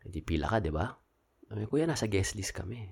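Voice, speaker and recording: A man's voice: lowish voice, sing-song, fairly quick, creaky, breathy edge. A man with a Filipino accent, co-hosting a casual podcast, telling a story in a chatty, teasing way and mixing in English phrases. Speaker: podcast co-host. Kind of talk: casual chat.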